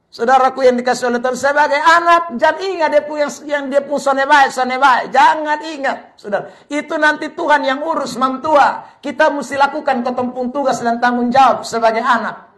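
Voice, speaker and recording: Very high-voiced, emphatic Kupang-accented preacher. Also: male voice, steady tone, a little fast. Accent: Kupang Malay. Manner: emphatic preaching, often rising to a shout; keeps repeating a fond address to the congregation. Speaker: pastor. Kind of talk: sermon.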